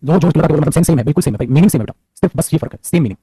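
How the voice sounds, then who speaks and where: A male teacher giving an animated grammar lecture to students, talking fast and calling them beta. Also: on the high side, husky, dry recording.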